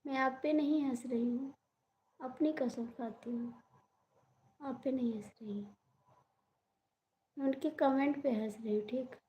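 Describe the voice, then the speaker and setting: A woman's voice: high voice, fairly even intonation, measured pace, pauses often, dark tone, a little hiss or hum. A young woman hosting a live stream, chatting casually and answering viewer comments.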